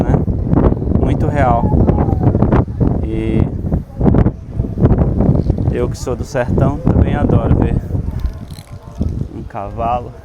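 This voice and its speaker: A man casually narrating a travel vlog while walking around outside, chatting to his viewers like a tour guide. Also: medium pitch. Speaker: travel vlogger. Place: outdoors at a hilltop statue and cable car, city. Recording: loud outdoor noise and wind.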